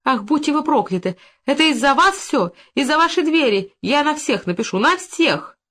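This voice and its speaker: A woman reading an audiobook, voicing a shrill, indignant woman neighbor who shrieks for help. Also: big pitch swings, normal speed, fairly bright tone. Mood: shrieking, hysterical. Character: shrill, hysterical middle-aged woman neighbor.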